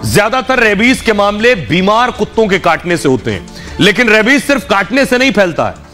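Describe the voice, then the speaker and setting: A man presenting a news segment, explaining clearly and speaking straight to the viewers. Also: high-pitched, sing-song, a little fast, bright, forceful tone, soft background music. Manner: clear explanatory delivery, addresses viewers directly. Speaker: news anchor.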